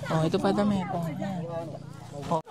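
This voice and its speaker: A man with a Mindanao Filipino accent and a very high voice hands out gifts outdoors in a rural village. He talks casually, bossy and joking with the kids. A crowd chatters all around him. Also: steady tone, normal speed. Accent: Davao, Mindanao Filipino. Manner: bossy, joking and teasing with children. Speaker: vlogger handing out donations. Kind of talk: casual outdoor vlog talk. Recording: crowd noise around the speaker. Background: villagers and children chattering.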